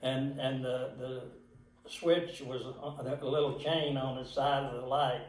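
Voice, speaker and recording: An older man from the mountains of southwest Virginia with an Appalachian accent, reminiscing casually in a halting, plain-spoken, folksy way as he is interviewed. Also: medium pitch, level tone. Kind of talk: casual oral history reminiscence. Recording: echoey room, distant microphone.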